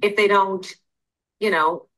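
A woman talking casually on a podcast in a chatty, rambling way, with laughing asides. Her voice sits in the middle of the range but sounds bright and forceful. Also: mid-range voice, steady tone, slow pace, rough recording.

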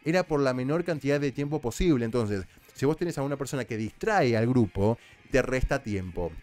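A man's voice: mid-range voice, lively intonation, brisk, darkish tone. A man with an Argentine accent giving casual commentary as a reality show recap host, chatty and explanatory. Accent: Argentine Spanish. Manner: chatty, explanatory, with frequent restarts.

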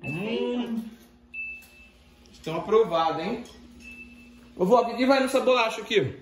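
A man's voice: high-pitched, lively intonation, a little slow, slight background noise. A young man with a Brazilian Portuguese accent filming his family at home, joking and teasing in casual vlog chat. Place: home kitchen, indoors. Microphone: phone camera he holds.

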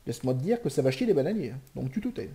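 A young man commentating a live Minecraft game, joking and swearing, shouting in panic and then muttering to himself. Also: medium pitch, very animated, racing. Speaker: gaming streamer.

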